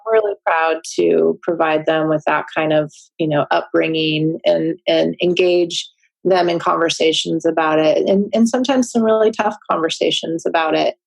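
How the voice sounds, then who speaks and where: A woman in her forties speaks as an interview guest in a relaxed, conversational way. She has a fairly low voice with a gravelly edge, and she talks with plenty of "you know" and "um." The recording is dry and close. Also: moderate pace, no room sound. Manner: warm storytelling with frequent fillers and restarts. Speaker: nurse practitioner guest.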